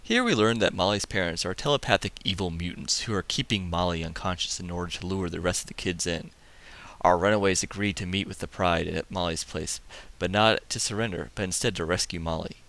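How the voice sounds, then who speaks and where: A man hosting a comic book review, summarizing the story with excitable, casual asides. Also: low-pitched, brisk. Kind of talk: enthusiastic comic review narration.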